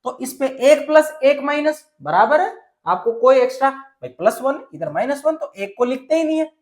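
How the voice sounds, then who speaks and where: A man's voice: very high-pitched, big pitch swings, normal speed, a little mellow. A male teacher from Rajasthan explaining a chemistry lesson step by step, often asking a question and then answering it himself. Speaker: science teacher.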